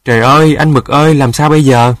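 A man's voice: mid-range voice, expressive, normal speed, no room sound, studio quality, close to an everyday voice. A man voicing a greedy, foolish male rooster in a storybook tale, boastful and easily panicked.

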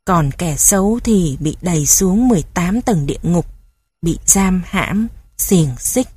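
A woman voicing a stern but caring old grandfather who speaks gravely and with authority. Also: fairly low pitch, animated, unhurried. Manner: grave, commanding, gentle with children.

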